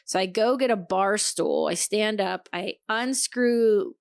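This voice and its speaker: A woman co-hosting a podcast, telling a story in casual chat, animated and swearing freely as she acts out what people said. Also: medium pitch, slow pace, gravelly, smooth, dry recording, studio quality. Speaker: podcast co-host.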